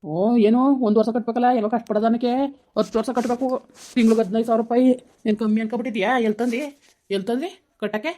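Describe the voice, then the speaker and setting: A quarrelsome rural woman locked in a family feud, played by a woman in an amateur comedy skit. She scolds and curses in a rapid-fire torrent, her voice a touch high yet mellow and dark in tone. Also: steady tone, close to an everyday voice. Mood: quarrelling. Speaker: actor in a village family skit.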